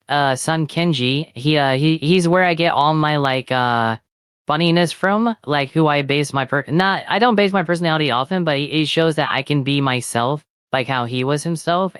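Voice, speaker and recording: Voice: medium pitch, normal speed, a bit bright, smooth, dry recording, studio quality. A VTuber streamer chatting casually in a disguised voice run through a voice changer. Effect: voice changer disguising the real voice. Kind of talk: casual chat.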